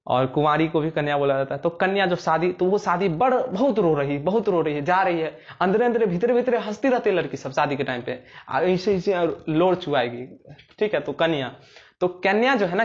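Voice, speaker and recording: A man's voice: fairly high pitch, expressive, moderate pace, muffled recording. A young man teaching exam memory tricks, telling playful little stories and acting out scenes in rustic dialect. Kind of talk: explaining memory tricks for exams.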